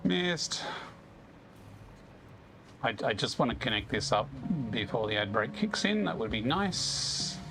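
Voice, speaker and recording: A man's voice: mid-range voice, sing-song, unhurried, vocal fry, long pauses, over music. A man giving casual gameplay commentary, thinking aloud in a self-deprecating way as he hosts. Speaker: gaming video host.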